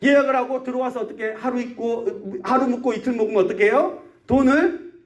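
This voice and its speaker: A man's voice: very high-pitched, fairly quick. A man preaching a sermon as pastor of a rural church, often asking the congregation questions. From South Korea.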